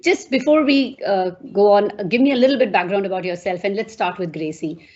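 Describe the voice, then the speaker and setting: A woman's voice: medium pitch, a little fast, muffled recording. A woman hosting an interview over a video call, effusive and full of fillers. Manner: warm, effusive, frequent fillers. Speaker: host.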